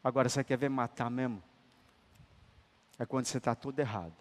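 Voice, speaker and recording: A man preaching a sermon, emphatic and colloquial, moving between loud declarations and hushed, tender lines and calling listeners brother. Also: mid-range voice, steady tone, a little fast. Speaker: apostle preaching. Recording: long hall reverb.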